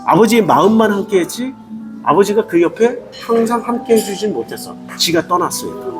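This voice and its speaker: A middle-aged male pastor preaching with emphatic rhetorical questions and emotional swings. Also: sits high. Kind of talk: sermon. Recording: music playing behind.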